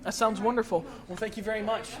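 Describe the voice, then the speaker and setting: Young male caster, hoarse, very high voice, teasing, crowd noise behind. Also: fast talker. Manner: excitable, laughing, teasing. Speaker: college esports shoutcaster. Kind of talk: casual post-match interviews.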